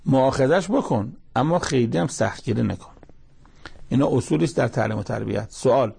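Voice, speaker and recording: A man leads a verse-by-verse scripture lesson, speaking in short, measured phrases. His voice is gravelly and husky with a dark, mellow tone. He retells the dialogue of the story as he explains each verse. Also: medium pitch. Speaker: Quran commentator. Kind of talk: religious lesson, verse-by-verse commentary.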